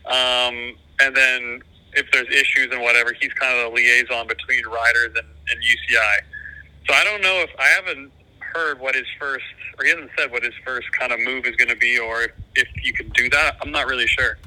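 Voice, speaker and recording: A man's voice comes through a phone set on speakerphone, very bright and sharp in tone. He talks in an easygoing, casual way, hedging as he goes, like a young guy who has called in for a quick catch-up. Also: medium pitch, steady tone, rough recording. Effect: heard over a phone on speakerphone. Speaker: phone-in guest.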